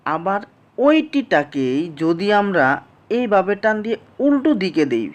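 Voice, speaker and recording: Going sound by sound, a patient teacher leads a slow language lesson and echoes each one back to the class. The mid-range voice is very animated.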